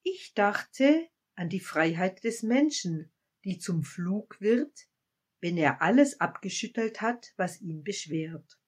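A woman voicing a gentle, wise old man in a spoken fable, speaking calmly and with measured patience. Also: mid-range voice, husky.

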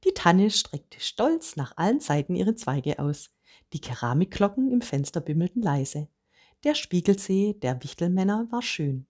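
A woman with a notably deep voice reads a first-person storybook. Her delivery is calm and measured, and she tells the story steadily. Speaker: narrator. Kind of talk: storybook reading.

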